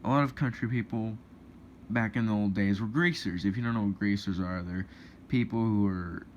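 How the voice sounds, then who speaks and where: A man's voice: on the low side, moderate pace. Young man ranting, lo-fi recording. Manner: rambling and indignant, many restarts. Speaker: vlogger. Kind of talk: casual opinion rant to camera. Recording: dull lo-fi with faint noise.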